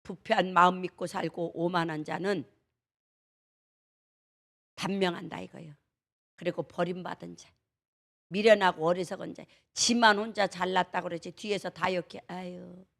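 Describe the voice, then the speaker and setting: Woman pastor, Chungcheong accent, gravelly voice; emphatic, homespun sermon delivery with plenty of rhetorical jabs. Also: lowish voice, fairly even intonation, moderate pace, long pauses, a bit bright. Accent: Chungcheong Korean. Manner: emphatic, folksy, scolding with rhetorical questions. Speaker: senior pastor. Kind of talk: dawn prayer service sermon.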